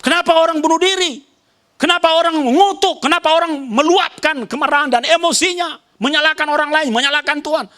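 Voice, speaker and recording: Male pastor, high voice, emphatic sermon delivery, loud calls dropping to hushed asides, repeats key phrases. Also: brisk. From Nias, Indonesia. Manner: emphatic preaching that swings between loud high calls and soft low asides; repeats short phrases and speaks straight to the congregation.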